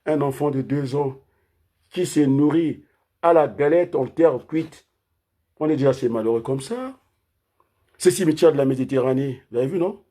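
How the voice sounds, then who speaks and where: A man delivering an impassioned political rant, firing off rhetorical questions and repeatedly raising his voice almost to a shout. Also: medium pitch, moderate pace, long pauses. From Republic of the Congo. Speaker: political commentator.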